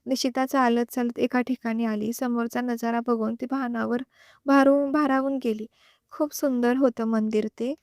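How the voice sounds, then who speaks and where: A woman narrating a serial story in a steady, unhurried reading voice, close to the mic. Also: fairly high pitch, no room sound.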